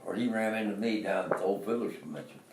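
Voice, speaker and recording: A man's voice: lowish voice, fast, echoey room, far from the mic, slight background noise. An older man with an Appalachian accent, telling rambling stories from his life and chuckling often. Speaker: interviewee, father. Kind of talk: casual storytelling.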